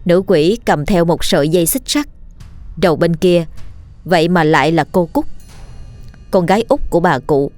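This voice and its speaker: A woman narrates a scripted ghost story with a steady, vivid delivery. Her voice sits low. The recording is dry and close, with soft music in the background. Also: moderate pace, long pauses, no room sound. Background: faint background music.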